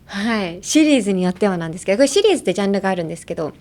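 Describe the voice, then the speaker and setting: A woman's voice: medium pitch, animated, rapid-fire, darkish tone. Playful bilingual woman coaching pronunciation. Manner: playful, demonstrates sounds with repeated syllables. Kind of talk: bilingual casual pronunciation lesson.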